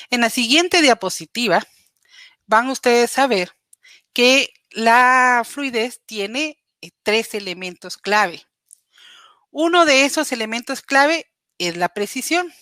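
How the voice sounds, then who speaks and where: A woman's voice: medium pitch, fairly bright tone, dry recording. A woman giving a patient, explanatory slide lecture on teaching reading, speaking straight to her listeners with small hesitations. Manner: patient, explanatory, addresses listeners directly with frequent "eh" fillers. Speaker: literacy educator presenting. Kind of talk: recorded slide presentation lecture.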